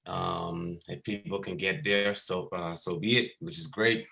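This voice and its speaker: On a video call, a thirties-aged basketball skills coach from the Bahamas rambles casually, stumbling through ums and restarts. His voice is low, gravelly and bright, with fairly even intonation and a forceful tone.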